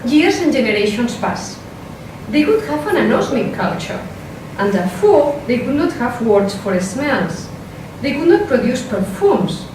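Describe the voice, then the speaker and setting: A philosopher delivering a workshop talk, this woman has a strong Spanish accent and a slightly high, sing-song voice, speaking in a measured, careful way but slipping into hesitant fillers whenever she departs from her script. She is miked from a distance in a very echoey lecture hall, and the recording has clear noise.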